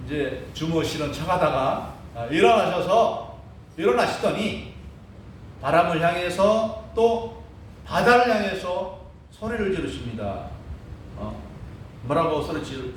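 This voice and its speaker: A male pastor preaching a lively sermon, full of rhetorical asides and acted-out cries. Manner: animated preaching, frequent rhetorical "어?" asides, acts out quoted cries. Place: church sanctuary. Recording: echoey church hall, mic at a distance, faint rumble.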